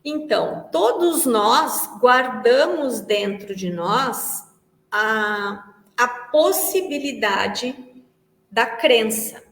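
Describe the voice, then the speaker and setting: A woman's voice: fairly high pitch, expressive, extremely slow, a bit bright. Brazilian woman lecturing in an echoing hall. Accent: Brazilian Portuguese. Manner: explanatory, repeats phrases while thinking. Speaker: Spiritist study speaker. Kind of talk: religious study lecture. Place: large meeting hall. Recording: echoey hall with long reverb.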